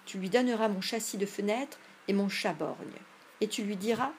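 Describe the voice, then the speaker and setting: A whiny boy from a storybook groans and complains as if he were gravely ill, as a woman reads him. His voice sits at an everyday pitch, plaintive and drawn out, with a faint hiss behind it. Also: normal speed, close to an everyday voice. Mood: whimpering.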